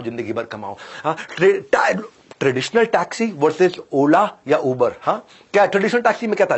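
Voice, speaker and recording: A slightly rough-voiced man, working as a business coach, gives an emphatic, repetitive motivational lecture on business. His delivery swings from loud pronouncements to quiet, dropped phrases, and he keeps urging the audience to listen.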